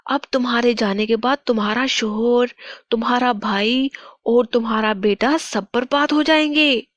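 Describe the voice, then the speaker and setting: Woman putting on a wicked cartoon witch, slow, mocking, half-whispered. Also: on the high side, fairly bright tone, no room sound, pitched above the performer's own voice. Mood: taunting. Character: wicked scheming female witch.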